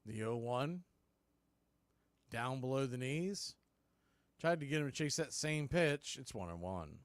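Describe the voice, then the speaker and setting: An expressive man with a medium-pitched voice delivers live baseball play-by-play at a measured pace, no echo in the recording. Speaking to a fan watch party, he's casual, colloquial, and an open homer for his club.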